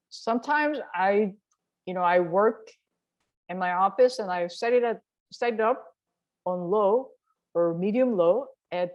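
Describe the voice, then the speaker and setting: A Korean woman of medium pitch speaks over lo-fi sound, hosting a cooking tutorial as a health and cooking vlogger. She stays chatty and encouraging, often asking "right?" rhetorically.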